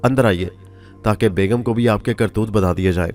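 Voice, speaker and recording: A man voicing a hot-tempered older head of household who scolds in a gruff, barking way. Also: fairly low pitch, moderate pace, darkish tone, soft background music, lightly acted. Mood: angry.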